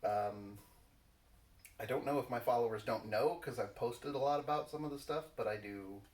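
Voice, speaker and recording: A man chatting casually in a halting, understated way, picking out his phrases in measured pieces. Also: mid-range voice, darkish tone. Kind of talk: casual chat, Q&A. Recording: echoey room, distant mic.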